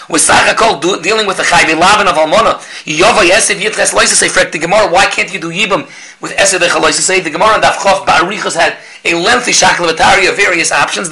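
Fast, high-pitched man teaching, very bright voice. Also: poor audio. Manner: animated, asks and answers rhetorical questions. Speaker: Talmud teacher. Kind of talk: Talmud lecture, explaining step by step.

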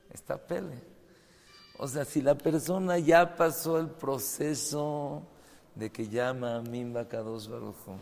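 Gravelly-voiced rabbi teaching in a hall. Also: male voice, mid-range voice. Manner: animated storytelling, sudden loud bursts. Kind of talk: Torah lesson with stories. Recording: long reverb hall, faint ambient noise.

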